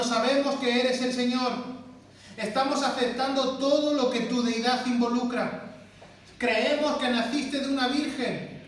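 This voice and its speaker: A high-voiced man preaches with emphatic force, repeating words for stress. He sounds distant from the microphone, and his voice rings through a very echoey church hall. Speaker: pastor. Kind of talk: sermon.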